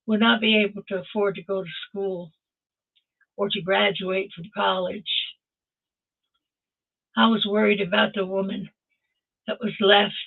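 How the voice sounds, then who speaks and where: An older woman with a gravelly, husky voice hosts a motivational stream, exhorting her listeners with fervent conviction. She speaks at a middling pitch. Her voice comes through a narrow, phone-like video call line. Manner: impassioned, exhorting listeners directly. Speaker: host. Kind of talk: motivational talk.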